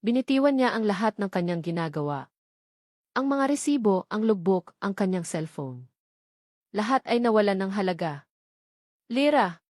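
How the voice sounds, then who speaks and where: Reading a scripted romance story with dramatic flair, a Filipino-accented woman narrates this audiobook in a medium-pitched, slightly mellow voice. The sound is dry and studio quality.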